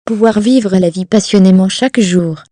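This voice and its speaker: Lady reading her own essay slow and careful, warm voice. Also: mid-range voice, no echo. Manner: measured, deliberate phrasing. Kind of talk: reading a personal essay aloud.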